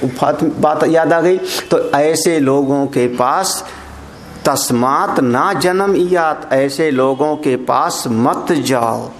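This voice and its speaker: A man's voice: medium pitch, slight background noise. A middle-aged man with a North Indian Hindi accent, a swami giving a conversational spiritual discourse on scripture, chanting verses now and then. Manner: conversational teaching, chants Sanskrit verses in a slow singsong. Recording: echoey room.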